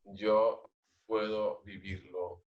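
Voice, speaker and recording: Male agile coach, slow, questioning delivery, low voice, roomy and dull call audio. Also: flat delivery. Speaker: agile trainer. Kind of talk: interactive training session.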